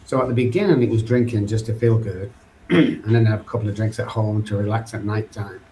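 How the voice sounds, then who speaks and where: Here the same kind of speaker, a middle-aged Manchester man, sounds warm and fairly quick, his pitch fairly low. He rambles loosely and earnestly through his own recovery story as a podcast guest, and the audio is poor with faint noise behind him.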